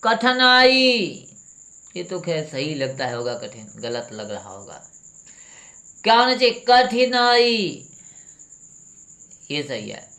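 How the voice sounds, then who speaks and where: Her voice extremely low, creaky, and sing-song at a normal speed, a female teacher leads exam students through spelling. She says each word aloud, then corrects it by posing a question.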